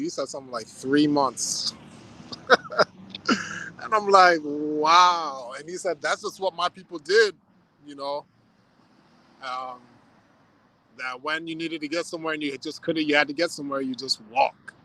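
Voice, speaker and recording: A man's voice: on the high side, steady tone, moderate pace, pauses often, sharp tone, poor audio. A man chatting casually on a livestream, telling a story in a reflective way with lots of "you know" and "um".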